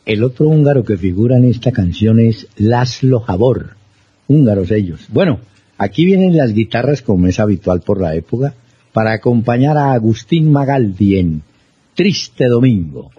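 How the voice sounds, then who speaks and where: A man hosting a radio show, explaining things in a relaxed way to his co-host. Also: medium pitch, moderate pace, slightly rough. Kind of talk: conversational radio commentary. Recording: dry, dull lo-fi broadcast.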